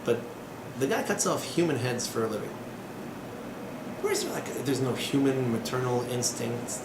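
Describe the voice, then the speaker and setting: A man in his thirties, with a sing-song, mid-range voice at a moderate pace, teaches in a small room. He lectures informally, slipping in digressions, fillers, jokes and sardonic humor. Background noise and echo fill the recording.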